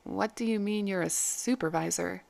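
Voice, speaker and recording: Eine Frau als ängstliche junge entlaufene Sklavin. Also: female voice, mid-range voice, normal speed, gravelly, a little mellow. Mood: anxious. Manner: anxious, blurting. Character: frightened young runaway slave woman.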